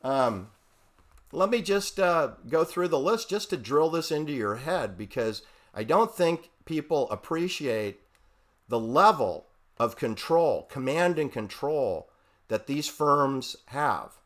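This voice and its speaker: A man's voice: fairly high pitch, lively intonation, slow pace. Rambling emphatic man lecturing. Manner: rambling, emphatic, repeats himself; sarcastic asides. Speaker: commentator. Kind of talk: conspiracy-minded monologue.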